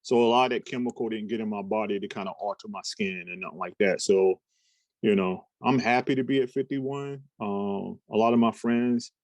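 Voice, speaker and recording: A man in his fifties with a fairly low voice speaks at a moderate pace in a dry recording. He's a talent manager chatting casually in an interview, telling long, relaxed, meandering stories packed with fillers and restarts.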